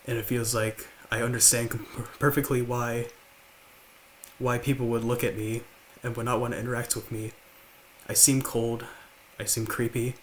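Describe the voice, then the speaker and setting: A young man in his late teens with a slight lisp, talking quietly and haltingly to the camera at home. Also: medium pitch, slight background noise. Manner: halting, with many fillers and restarts. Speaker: vlogger. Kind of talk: confessional talk to camera. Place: large house, indoors.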